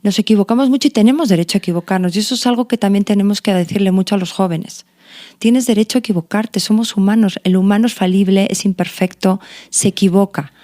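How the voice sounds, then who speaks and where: Talking quickly in a dark, mid-range voice, this guest logotherapist and mother shares her ideas with earnest reflection. She leans on personal examples from her life and poses questions to herself along the way.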